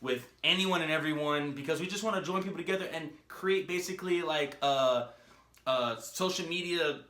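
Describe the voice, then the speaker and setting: A man talks casually as a podcast co-host, addressing listeners directly. His voice is bright and sharp, sitting slightly high. It rings with the echo of a room. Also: normal speed. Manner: informal, addresses the audience directly. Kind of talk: casual chat. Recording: roomy indoor echo.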